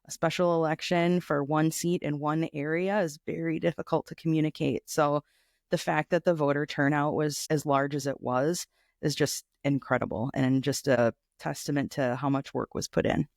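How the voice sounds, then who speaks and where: A woman's voice: deep voice, fairly even intonation, normal speed, creaky, darkish tone, no room sound, studio quality. A woman co-hosting a casual political podcast who speaks in an earnest, plain way. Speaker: podcast co-host and state lawmaker.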